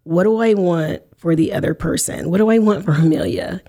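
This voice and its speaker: A woman podcast host runs a casual interview in a somewhat low, mellow, relaxed voice, speaking fairly quickly. Her sentences are loose and reflective, doubling back and restarting as she thinks aloud.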